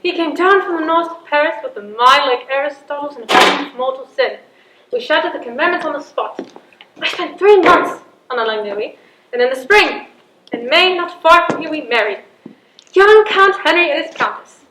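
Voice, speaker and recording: Casting: female actor for older medieval queen, high-pitched, regal, wry manipulator in period drama, roomy sound. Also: expressive, normal speed. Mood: wistful, bitter. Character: proud, cunning older imprisoned queen and mother. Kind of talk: theatrical period drama monologue and dialogue. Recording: echoey room, audible background noise.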